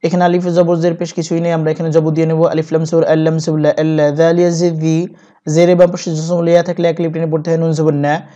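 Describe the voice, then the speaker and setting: A man teaching Quran reading, spelling out syllables one by one and chanting each verse slowly. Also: fairly high pitch, flat delivery, mellow. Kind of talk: step-by-step recitation lesson. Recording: dull lo-fi recording.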